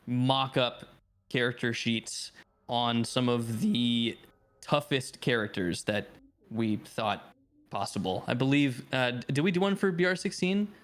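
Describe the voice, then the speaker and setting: A man with a mid-range voice answers a question during a casual podcast chat. He is hesitant, fills his pauses with fillers, and laughs as he goes. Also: mid-range voice, animated, fairly bright tone. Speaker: admin team member.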